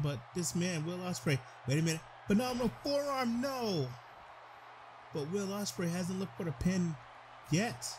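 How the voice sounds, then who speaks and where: Excitable high-voiced male game commentator. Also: slight background noise. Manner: excitable, stumbles over words, talks to the wrestlers. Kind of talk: play-by-play commentary over a video game.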